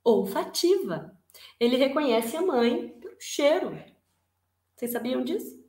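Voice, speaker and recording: A woman with a Brazilian Portuguese accent teaching an online class in a lively spoken lecture, often putting rhetorical questions to her students. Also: high voice, unhurried. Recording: echoey room.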